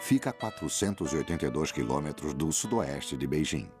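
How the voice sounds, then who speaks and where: A very low-voiced Brazilian man narrates a documentary like a grand epic. His delivery is grave and dramatic, with lively swings in intonation, over prominent music. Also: a little fast.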